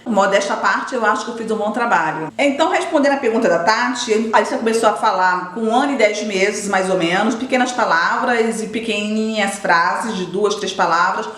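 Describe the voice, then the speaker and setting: A woman's voice: medium pitch, a little fast, few pauses, fairly bright tone. A middle-aged Brazilian woman chatting casually to her viewers as a vlogger, talking directly to them and often restarting her sentences. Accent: Brazilian Portuguese. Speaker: vlogger and educator. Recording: roomy echo.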